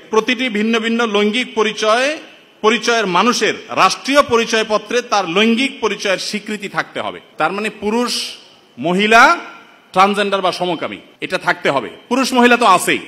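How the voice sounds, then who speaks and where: A man's voice: high-pitched, pushed and bright. A man preaching in an indignant, rhetorical way, calling his listeners brothers, from Bangladesh. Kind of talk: impassioned sermon-style commentary. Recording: long reverberant hall sound.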